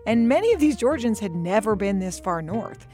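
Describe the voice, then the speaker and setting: A woman's voice: medium pitch, moderate pace, faint music behind. Wry woman narrating a documentary podcast. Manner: conversational, wry and lively. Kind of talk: scripted narration.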